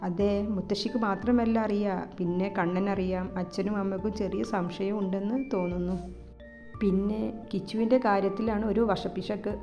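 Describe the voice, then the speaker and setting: A woman reads the part of a young man in a romantic audio story, gentle and teasing toward the girl he loves. His soft, playful lines sit in a warm, mellow voice with faint music underneath. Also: mid-range voice, steady tone, normal speed, close to an everyday voice. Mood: tender teasing.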